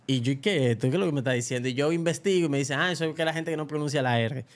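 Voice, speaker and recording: A young adult Dominican man, a comedian, chatting casually and telling lively stories, with a Dominican Spanish accent and a speech habit of not pronouncing the R. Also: fairly high pitch, rapid-fire. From Dominican Republic. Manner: animated storyteller who acts out quoted voices. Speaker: comedian guest. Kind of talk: casual podcast chat.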